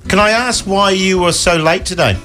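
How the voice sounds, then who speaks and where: A man's voice: high-pitched, moderate pace, bright, forceful tone, faint music behind. A man with a New Zealand accent making casual, bantering conversation as a radio show host.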